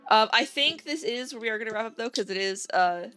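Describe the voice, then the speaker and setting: A woman's voice: on the high side, a little fast, smooth, soft background music. A woman narrating and running a tabletop game as game master, chatty and loose with fillers. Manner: relaxed, chatty, hesitant with fillers.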